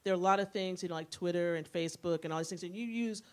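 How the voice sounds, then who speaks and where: A woman interviews a guest at a symposium. Her voice sits a little low, and she asks long, thoughtful, winding questions. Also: fast talker, a little mellow.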